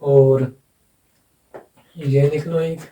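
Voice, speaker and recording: Man, teacher, slow and deliberate, flat delivery, repeats and spells out words, echoey distant room. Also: a little high. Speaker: English phonetics teacher. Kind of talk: blackboard lesson explanation.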